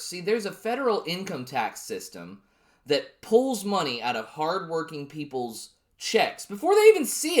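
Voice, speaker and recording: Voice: medium pitch, fairly bright tone. A vlogger in a heated, profane ranting monologue to camera, who repeats and restarts words when worked up.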